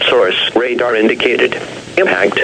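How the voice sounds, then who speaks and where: A synthetic man's voice reading emergency alert weather bulletins in a measured, formal, impersonal way. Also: mid-range voice, steady tone, creaky, pushed and bright. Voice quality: synthetic text-to-speech voice. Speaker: automated weather radio announcer. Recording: noisy weather radio broadcast.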